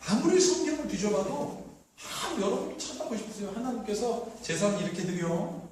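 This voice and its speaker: A male pastor preaching a sermon, swinging from shouts to hushed tones and acting out God's words. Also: high-pitched, animated, moderate pace. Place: church sanctuary. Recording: echoey hall, far from the mic, faint noise.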